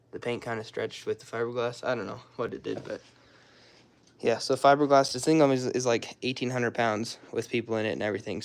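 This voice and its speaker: A young man casually showing his cars in a rambling, offhand way, with a scratchy, hoarse voice. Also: mid-range voice. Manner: rambling, loose and offhand, trails off mid-sentence. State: hoarse, throat-clearing, coughing. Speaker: car hobbyist showing his garage. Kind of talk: casual walkaround vlog.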